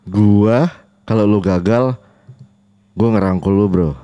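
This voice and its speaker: Man, low relaxed voice, Jakarta accent and street slang, teasing co-host banter, dry close sound. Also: slow, no room sound, highs cut off. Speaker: host of a talk and call-in show. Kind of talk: casual bantering chat.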